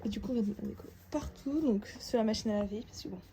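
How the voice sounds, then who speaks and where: A woman's voice: medium pitch, fast talker, warm tone, a little hiss or hum. A young woman chatting casually to her viewers at home, rambling with lots of fillers and asides. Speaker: vlogger. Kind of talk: casual vlog chat to viewers. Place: home, indoors.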